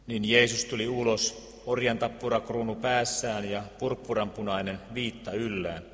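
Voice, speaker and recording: A man reading Scripture aloud and preaching, solemn and measured, with deliberate pauses. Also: lowish voice, level tone, fairly bright tone. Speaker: pastor. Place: church. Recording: long church reverb.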